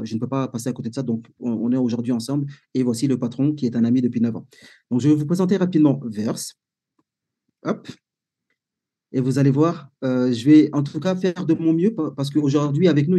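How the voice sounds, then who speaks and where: A man from Martinique presents a business opportunity over a video call. His voice is very dark and a little husky. He talks in a loose, chatty way, with plenty of fillers and restarts. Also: mid-range voice. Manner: chatty, many fillers and repeated words. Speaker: network marketing presenter.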